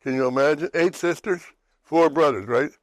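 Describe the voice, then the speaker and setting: A man's voice: a little high, normal speed, no room sound, rough recording. Pennsylvania guy hosting a faith show, rambly, keeps restarting, dry sound. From western Pennsylvania, USA. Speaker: talk show host. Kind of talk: personal testimony chat.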